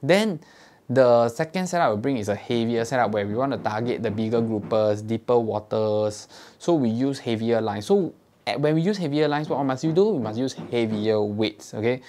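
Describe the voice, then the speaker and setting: A man's voice: medium pitch, normal speed, darkish tone, a little hiss or hum. A man in his thirties with a Singaporean English accent, host of a fishing tackle shop channel, explaining gear step by step in a casual tutorial to camera, showing it with his hands and checking in with "okay?", recorded on a lapel mic in a small indoor studio. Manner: demonstrates gear with his hands while talking.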